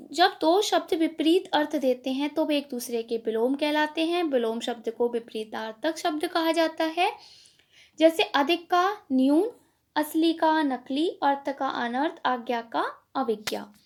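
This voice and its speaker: Woman teacher, high and gravelly, walks through exam answers, asking and answering her own questions. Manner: explains step by step, asks and answers own questions. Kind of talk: exam revision lesson.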